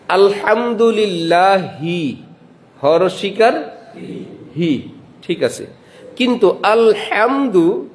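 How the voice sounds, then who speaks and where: A madrasa principal with a high voice delivers a religious lecture in a Bangladeshi Bengali accent. He poses questions to his listeners, answers them himself, and slowly spells out letters and sounds.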